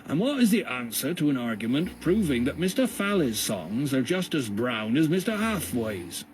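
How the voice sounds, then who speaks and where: A man's voice: mid-range voice, sing-song, a little hiss or hum, pitched above the performer's own voice, lightly acted. Male reader doing a pompous, patronizing jailer, drawn out and cold. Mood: lecturing. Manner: slow, sneering, lecturing.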